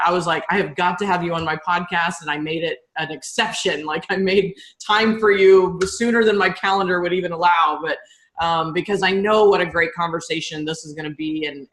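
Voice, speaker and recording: Woman podcast host, bright sharp voice, chatty and effusive. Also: deep voice. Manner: effusive, rambling, many fillers and restarts. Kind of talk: casual podcast interview.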